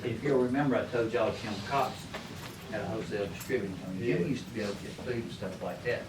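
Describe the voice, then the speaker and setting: A man spins easygoing tales for a gathered audience, chuckling as he slips into other people's voices. He sits well back from the mic in an echoey hall. Loud room ambience fills the space around him. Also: lowish voice, fast, recorded from a distance, background noise. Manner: folksy, chuckling, quotes others in bits of dialogue. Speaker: storyteller at a krewe gathering. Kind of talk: casual anecdote telling to a live group.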